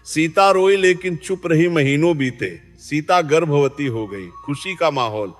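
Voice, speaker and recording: A man's voice: a little high, animated, unhurried. A man narrating a dramatic moral story in an earnest tone. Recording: long reverb, faint music behind.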